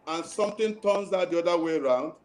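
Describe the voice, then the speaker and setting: A man's voice: on the high side, quick pace, darkish tone. A man giving earnest, pleading advice as a guest in an online interview, repeating his key points. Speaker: guest financial advisor.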